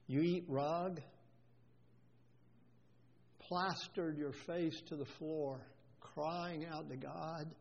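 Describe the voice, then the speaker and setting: High-pitched guy preaching, earnest then fired up, muffled lo-fi sound. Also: steady tone, extremely slow, creaky, long pauses, a little hiss or hum. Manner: earnest preaching, rises to fervent scripture quotes. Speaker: pastor. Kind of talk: sermon.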